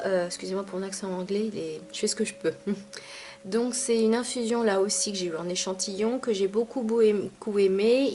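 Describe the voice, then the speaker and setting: A young adult woman with a mid-range, slightly dark voice reviews teas she has finished. It's a casual product review, chatty and full of fillers and asides.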